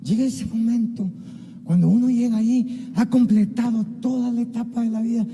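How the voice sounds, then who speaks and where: A man's voice: very high voice, steady tone, moderate pace, mellow, in a large hall, rough recording. A man preaching an impassioned sermon as pastor, often calling out to his listeners and acting out biblical dialogue. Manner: impassioned, keeps addressing listeners as "hermano". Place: church sanctuary.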